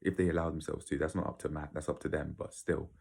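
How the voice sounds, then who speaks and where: Deep voiced guy rambling to his viewers, bit husky, blunt and sweary. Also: little pitch movement, fast talker, darkish tone. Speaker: video creator. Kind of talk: casual opinionated monologue to viewers.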